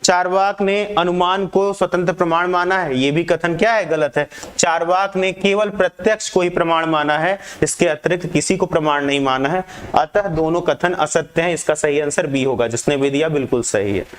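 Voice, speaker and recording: Higher-pitched man teaching an exam class. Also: smooth. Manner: reads questions aloud, urges students to answer quickly. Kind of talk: online exam-prep lesson.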